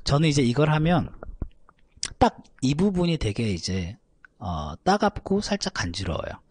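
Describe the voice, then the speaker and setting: A man teaching a vocal lesson, calmly explaining technique between high belted demonstrations. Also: a little slow, husky, dry recording. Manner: explains calmly, then belts high shouted notes. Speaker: vocal coach.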